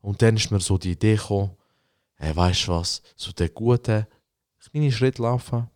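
A man's voice: fairly low pitch, moderate pace, a little mellow, dry recording, clean studio sound. A young man from Switzerland, co-hosting a casual podcast, bantering in laid-back, slangy speech. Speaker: podcast co-host. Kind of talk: casual chat.

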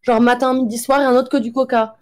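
A woman's voice: fairly high pitch, flat delivery, quick pace, a little mellow. A woman guest chatting casually on a stream, full of slang fillers. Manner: slangy, repeating "genre". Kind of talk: casual live-stream chat.

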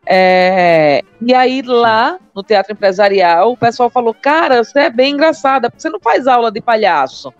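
In a casual interview, a comedian guest, a woman in her thirties from Maceió with a Northeastern Brazilian (Alagoas) accent, shares her story and leans on repeated words for emphasis. Her voice is a little high, at a moderate pace with hardly any pauses. The sound is lo-fi with no room sound and soft music underneath.

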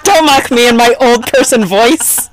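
Slow-talking woman podcast co-host. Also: on the high side, crowd noise. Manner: teasing, laughs along. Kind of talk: casual podcast chat.

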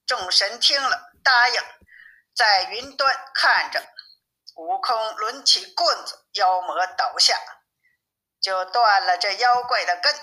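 A woman narrating a classic novel in a steady, expressive storytelling manner. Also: mid-range voice, takes it slowly, poor audio.

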